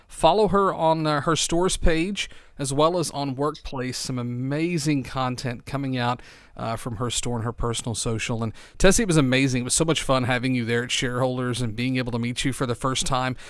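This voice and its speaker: A man's voice: mid-range voice, brisk, fairly bright tone, clean tone, no room sound, studio quality. Upbeat man hosting with a slight lisp. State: slight lisp from a bitten tongue. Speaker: podcast host. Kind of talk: casual interview chat.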